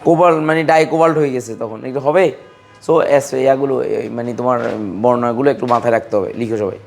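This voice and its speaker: A man teaches a live chemistry class at a rapid clip. He drills his students by repeating terms and firing questions at them, with some teasing and scolding. Faint noise hums under the recording. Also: medium pitch. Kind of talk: classroom lecture.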